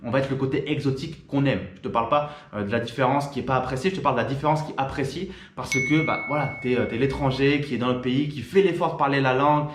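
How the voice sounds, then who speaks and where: Brief: French male vlogger, mid pitch, casual and rapid, lots of filler words, reverberant room. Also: slight background noise. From France. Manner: chatty, informal, frequent fillers and restarts. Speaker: YouTuber. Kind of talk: casual direct-to-camera talk.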